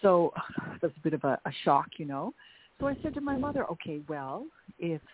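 A middle-aged Canadian author, a woman, recounts her family history during a phone interview, often repeating words as memories come back. Her voice sits fairly low and she speaks briskly and with great animation. The tinny phone line carries a slight hiss or hum.

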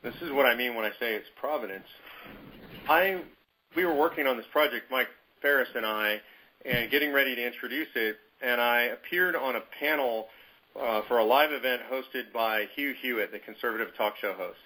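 A man's voice: mid-range voice, moderate pace, pushed and bright, slight background noise, poor audio. A man telling a personal story to his movement's leaders on a conference call, in a conversational, emphatic way. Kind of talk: storytelling anecdote.

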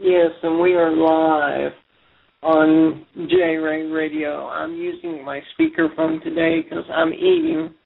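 A man hosting a casual call-in radio show over a speakerphone, talking loosely with many fillers and pauses. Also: fairly high pitch, lively intonation, vocal fry. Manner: loose, filler-heavy, halting. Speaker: internet radio host. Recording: tinny speakerphone audio.

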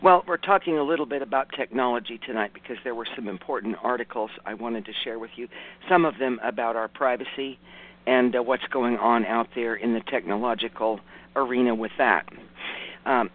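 A man with a raspy, hoarse voice hosting a radio show, reporting news informally with folksy asides and stopping to correct himself. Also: medium pitch, a little fast. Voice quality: raspy, rough voice. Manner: self-correcting, hesitant delivery with folksy asides. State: hoarse from hay fever. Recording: muffled, narrowband radio broadcast.

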